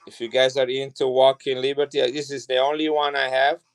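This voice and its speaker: Speaking a little fast, this Italian man sells coins in casual live-stream chat. His voice is smooth and medium-pitched with a level tone, and he rambles chattily, often restarting.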